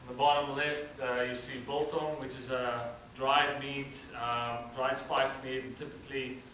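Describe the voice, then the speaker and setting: In an event hall with roomy sound, slight background noise and a far-off microphone, a South African man with a South African accent, native in Afrikaans, delivers a student slideshow talk at a cultural event. His medium-pitched, measured speech is relaxed but hesitant, filled with frequent "uh"s.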